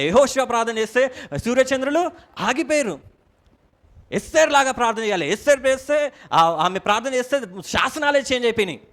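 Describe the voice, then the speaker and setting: A man's voice: high-pitched, a bit bright. A man preaching a sermon to his church in a Telangana Telugu accent, often putting questions to the congregation and mixing in English words. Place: church service.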